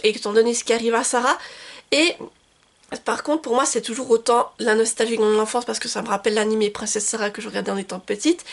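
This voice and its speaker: A woman from France talking through her reading challenge in a casual book vlog, chatty with frequent fillers and restarts. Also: fairly high pitch. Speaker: book vlogger.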